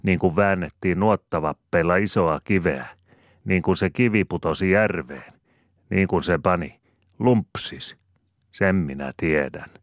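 A man reading the part of a talkative old peasant who tells a funny tale to fellow haymakers, in a slightly raised, lively voice. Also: deep voice, no echo, studio quality, pitched above the performer's own voice. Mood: storytelling.

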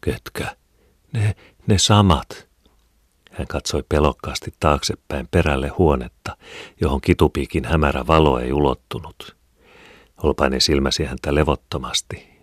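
A man reading a classic novel aloud as an audiobook narrator, calm and measured. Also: extremely low pitch, no room sound, studio quality. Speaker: audiobook reader.

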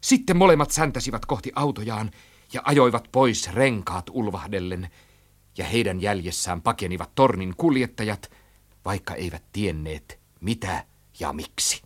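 Lively low-voiced male storyteller. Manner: animated, rhythmic. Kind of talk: expressive storybook narration.

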